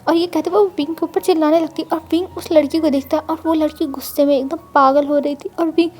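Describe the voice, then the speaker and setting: A woman's voice: sits high, fairly even intonation, fast, a little mellow. A woman telling a fan-fiction story in a casual, chatty way, with restarts and meandering asides.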